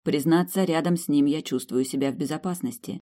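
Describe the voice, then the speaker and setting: A woman narrating a fantasy novel in the first person, lively and rising sharply in the dialogue. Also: low voice, a little fast. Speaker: audiobook narrator.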